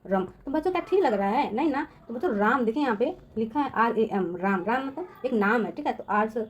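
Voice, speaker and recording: A young woman with a fairly high voice teaches children how to spell, speaking slowly and patiently. She checks in with them after nearly every line and repeats each step. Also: animated. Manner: repeats "theek hai" constantly, patient and drawn-out; addresses viewers as children.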